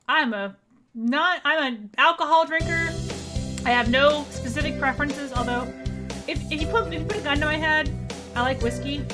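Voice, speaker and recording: A woman's voice: high voice, sharp tone. A woman streamer chatting casually and rambling to her viewers while playing a game. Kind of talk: casual let's-play chat.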